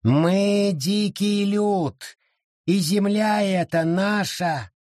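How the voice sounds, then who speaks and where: A man voicing a small, hostile wild forest creature that growls and shouts spiteful threats in an audiobook. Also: high voice, extremely slow, no room sound, clean studio sound, pitched above the performer's own voice. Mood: scornful. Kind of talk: audiobook character voice.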